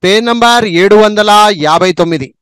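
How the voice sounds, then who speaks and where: A man teaching reading who says each word slowly two or three times and adds quick asides on how to practise. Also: high voice, fairly bright tone, clear, resonant tone, no room sound. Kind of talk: slow spelling and pronunciation drill.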